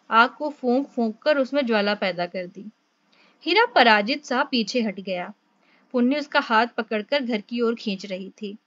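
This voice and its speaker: A woman narrating a novel as an audiobook in a steady storytelling manner. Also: fairly high pitch, no echo. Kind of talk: novel reading. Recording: dull lo-fi, dry.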